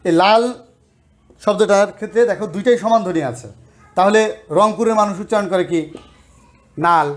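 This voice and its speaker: A man's voice: sits high, fairly quick, pauses often. A man from Bangladesh, a college lecturer, giving a grammar lesson and explaining step by step, often checking in with rhetorical questions.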